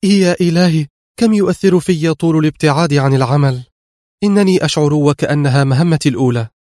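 A man doing an eager young female agent, raised and excited. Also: on the high side, quick pace, no room sound, studio quality, pitched above the performer's own voice, lightly acted.

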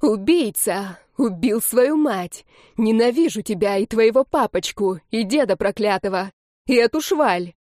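A woman's voice: fairly high pitch, expressive, normal speed, a little mellow, no echo, studio quality, close to an everyday voice. A woman playing a drunk, shrieking old grandmother. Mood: screaming hatred. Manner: shrieking curses, hateful. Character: drunk, grief-crazed, spiteful old grandmother.

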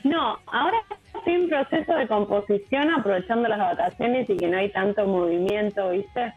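A woman in her thirties with an Argentine accent, a musician guest talking in a relaxed, hesitant way with many fillers. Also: medium pitch, moderate pace. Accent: Argentine Rioplatense. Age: 30s. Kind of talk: casual radio interview. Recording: tinny phone line with music bed.

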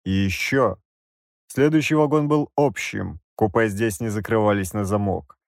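A man narrating a first-person audiobook in a wry, expressive reading. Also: lowish voice, normal speed, gravelly, no echo, clean studio sound.

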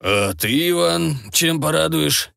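A man's voice: on the high side, animated, slow pace, gravelly, bright, forceful tone, no room sound, clean studio sound, voice pushed up, heavily acted. A man reading an audiobook and voicing a grey-haired old tsar who speaks curt and decisive.

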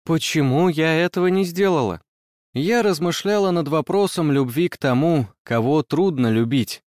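A man narrating a first-person story in a measured, even reading. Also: on the high side, no room sound, studio quality.

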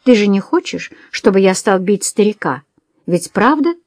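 A woman voicing a cool, cynical male swindler who talks in a slow, coaxing, amused drawl. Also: medium pitch, animated, a little mellow, dry recording, studio quality. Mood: mocking.

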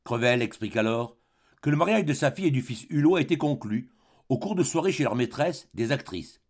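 A man narrating an audiobook of a classic novel in a measured, expressive literary reading. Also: mid-range voice. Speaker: audiobook reader.

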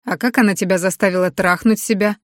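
A woman reading the part of a gruff, stern husband in an audiobook, voice lowered and curt. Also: steady tone, fast talker, no room sound, studio quality, natural voice. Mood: snarling.

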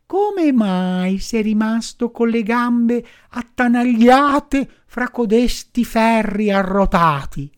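A man voicing a kind little female firefly who gently scolds a puppet, in a high, slow voice. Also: expressive, smooth, full character voice. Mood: pitying.

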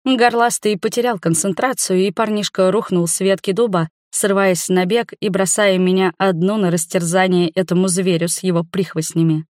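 A woman narrating a fantasy novel in the first person, with a lively, expressive reading. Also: mid-range voice, moderate pace, hardly any pauses, dry recording, clean studio sound. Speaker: audiobook narrator.

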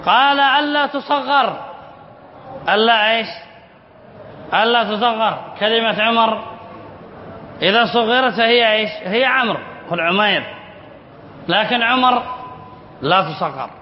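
A high-voiced man teaches a lesson, reading a text aloud and then explaining it. He repeats the key words and keeps quizzing his students as he goes. The sound is dull and lo-fi, and it echoes with a long reverb, as in a big hall. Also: moderate pace, pauses often, a little hiss or hum. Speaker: sheikh teaching Arabic spelling rules.

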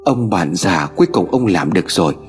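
A man voicing a gentle, grave old master who speaks in a solemn, consoling way. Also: sits low, expressive, brisk, faint music behind, voice pushed down.

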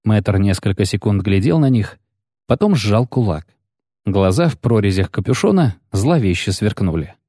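A man reading an audiobook narration in a theatrical, expressive manner. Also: on the low side, moderate pace, no room sound, clean studio sound. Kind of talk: scripted narration.

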